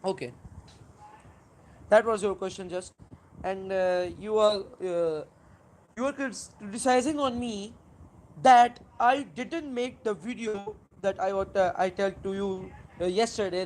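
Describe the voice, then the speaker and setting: Halting Pakistani-accented live streamer, emphatic in bursts. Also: medium pitch, a little hiss or hum, rough recording. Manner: halting, repetitive, with searching pauses and emphatic bursts. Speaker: live stream host replying to a viewer. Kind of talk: unscripted religious argument to viewers.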